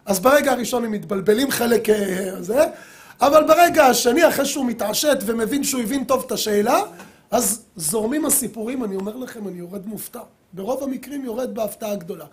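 A middle-aged man, a rabbi, giving a sermon and telling a story, acting out the quoted dialogue with lively voices. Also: very high-pitched. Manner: animated storyteller who acts out quoted dialogue.

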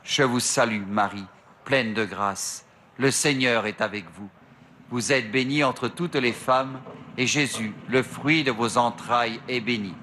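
A middle-aged male priest leading the rosary at an outdoor grotto shrine, reciting prayers slowly into a lectern mic. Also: medium pitch, noisy background. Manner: slow measured prayer recitation. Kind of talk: slow recited prayer and meditation. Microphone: stand mic at a lectern.

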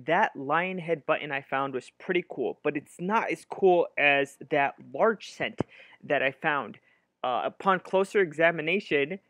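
A man's voice: fairly high pitch, a bit bright, dry recording. A young man explaining his finds in an earnest recap voice-over recorded at home. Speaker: metal detecting vlogger. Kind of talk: voice-over narration. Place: home room.

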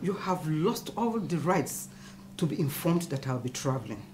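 A woman with a low, darkish, sing-song voice at a moderate pace plays a wounded, proud middle-aged mother scolding her son in a film melodrama. She sounds angry and defiant, delivering lines in an emphatic, declamatory way. Music plays under the dialogue, with a little hiss or hum.

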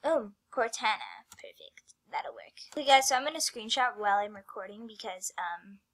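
Chatty female vlogger, rather high voice. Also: expressive, fairly quick, a bit bright. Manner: rambling and chatty, often dropping to a whisper. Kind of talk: casual screen-recorded vlog.

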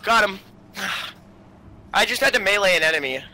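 High, bright-voiced excitable young man gaming. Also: a little slow. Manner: excitable, shouts callouts. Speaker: co-op gaming partner. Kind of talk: casual gameplay commentary.

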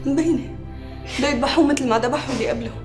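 A woman's voice: high voice, rapid-fire, over music, close to an everyday voice. An actress playing a caring young woman with a Syrian accent, soothing and coaxing her sister. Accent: Syrian Arabic. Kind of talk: TV period drama acting.

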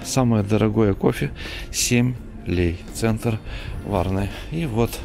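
Middle-aged man, low gravelly voice, relaxed street-tour chatter, music underneath. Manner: chatty, unhurried, coughs now and then. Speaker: vlogger. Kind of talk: casual walking tour commentary. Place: city street at night, outdoors.

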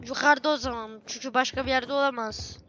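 High bright chatty woman gamer. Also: brisk, lo-fi sound, a little hiss or hum. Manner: chatty, excitable, talks to herself and viewers. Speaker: gameplay streamer. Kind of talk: let's play commentary.

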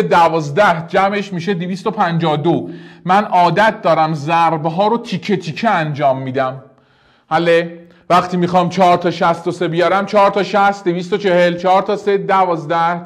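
A man with a high, bright-sounding voice teaches chemistry in a brisk, coaxing way. He talks straight to the student, repeats key steps, and answers questions he voices for the class himself. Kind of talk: energetic tutoring lesson.

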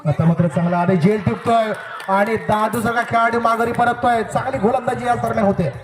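A man giving live commentary on a local cricket match over an outdoor loudspeaker, joking and repeatedly asking the crowd to cooperate. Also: very high-pitched, fairly even intonation, fairly quick, reverberant. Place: outdoor village cricket ground. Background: crowd at the ground.

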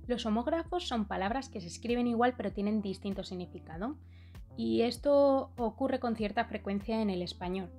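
Woman, Spain Spanish accent, young adult, clear steady teacher delivery, medium pitch, soft music underneath. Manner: clear, steady explaining with playful asides. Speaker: language educator and video host. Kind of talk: explanatory video lesson.

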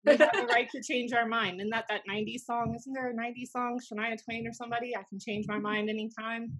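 Fast and fairly even, with a voice on the high side, this American podcast co-host in her thirties jokes wryly and snarkily during casual banter. She used to announce wrestling and speaks into a desk microphone in a small room, though the audio quality is poor.

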